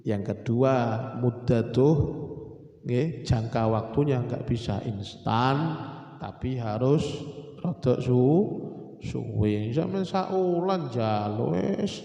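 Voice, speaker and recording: A man from East Java preaching a sermon with an East Javanese accent, telling stories in a lively way. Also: medium pitch, slow, vocal fry, muffled recording. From East Java, Indonesia. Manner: lively storytelling, animated. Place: prayer gathering hall. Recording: echoey hall reverb.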